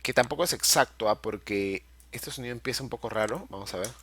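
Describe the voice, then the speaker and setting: A man's voice: medium pitch, quick pace, background noise. Patient man teaching step by step. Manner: patient step-by-step explaining, checks in often with the class. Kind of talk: screen-recorded software tutorial.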